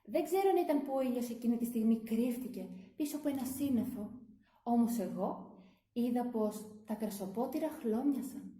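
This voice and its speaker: Female storyteller, high mellow voice, gentle children's read-aloud. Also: reverberant. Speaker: kindergarten teacher.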